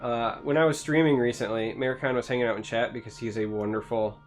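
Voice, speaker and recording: A man's voice: mid-range voice, fairly even intonation, fast, faint music behind. Dry-humored streamer man hosting podcast. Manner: dry, teasing humor with fillers. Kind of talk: casual chat.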